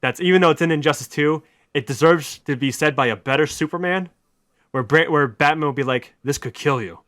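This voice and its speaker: A man hosting a podcast, telling a story in excited casual chat, swearing a lot and rising to near shouts. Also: a little high, a little fast. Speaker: podcast host.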